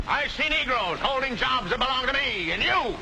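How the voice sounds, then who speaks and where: An actor in a 1940s film playing a fiery, hectoring street-corner agitator, on a noisy old soundtrack. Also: male voice, very high-pitched, expressive, normal speed. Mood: ranting. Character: ranting bigoted male rabble-rouser, middle-aged.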